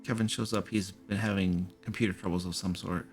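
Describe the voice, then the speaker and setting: A man's voice: low voice, fairly even intonation, brisk, soft background music. A man running a tabletop game as game master, teasing his players and laughing often. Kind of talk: casual tabletop game chat.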